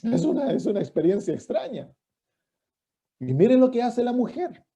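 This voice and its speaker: A man's voice: extremely high pitch, big pitch swings, moderate pace, mellow, husky. A man, preaching a sermon as a pastor, reading scripture and asking his listeners questions. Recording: dull lo-fi recording.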